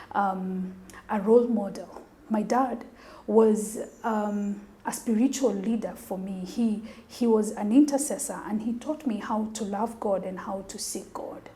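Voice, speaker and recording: A woman, a mental health practitioner giving an earnest, reflective talk on fatherhood, often trailing off into a soft near-whisper. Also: medium pitch, gravelly, slight background noise.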